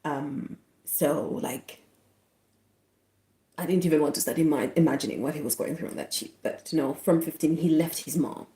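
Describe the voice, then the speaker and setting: A woman's voice: deep voice, moderate pace, dark tone. A young woman in casual personal storytelling, heartfelt and rambling as she corrects herself, recalling an elderly patient she cared for. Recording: roomy echo.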